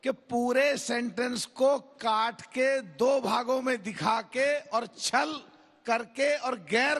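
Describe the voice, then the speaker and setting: A man on a televised debate panel, loud and accusatory, rattling off long lists of charges against his opponents. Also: extremely high pitch. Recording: reverberant hall sound.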